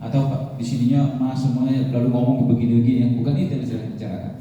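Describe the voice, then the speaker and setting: A man's voice: medium pitch, flat delivery, very fast, dark tone, highs cut off. A man, a pastor, preaching a sermon in a conversational way with many rhetorical questions. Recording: echoey hall, mic far off.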